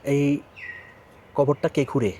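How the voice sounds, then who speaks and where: A man vlogger conducting a casual street interview outdoors, firing brisk probing questions and calling his interviewee uncle. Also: a little high, steady tone, dark tone. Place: outdoors in a city cemetery.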